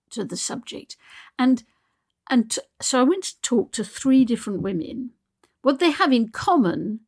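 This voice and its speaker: A woman's voice: fairly high pitch, darkish tone. A woman hosting a podcast as expedition leader, speaking reflectively with frequent restarts. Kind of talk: podcast narration.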